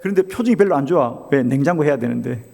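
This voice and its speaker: A man's voice: mid-range voice, expressive, fast talker, gravelly, dark tone. A middle-aged man preaching a revival sermon as a pastor, joking and asking the congregation question after question. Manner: humorous, asks the congregation many questions. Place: church sanctuary. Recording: long hall reverb in a church.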